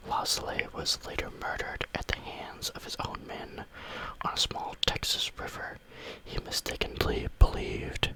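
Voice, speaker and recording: A man reading spooky stories aloud as ASMR in a breathy, unvoiced whisper, with deliberate phrasing. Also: rough recording.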